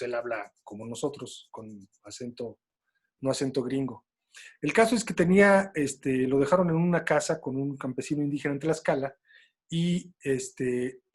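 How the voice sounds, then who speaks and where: A man's voice: mid-range voice, darkish tone. A man with a Mexican accent moderates a panel talk in a loose, colloquial way and tells stories along the way. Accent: Mexican Spanish.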